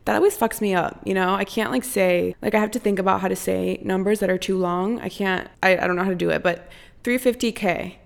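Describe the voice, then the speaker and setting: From her apartment, a young woman from Costa Rica talks openly on her solo podcast, cursing without restraint. She speaks briskly in a mid-range voice with fairly even intonation and vocal fry.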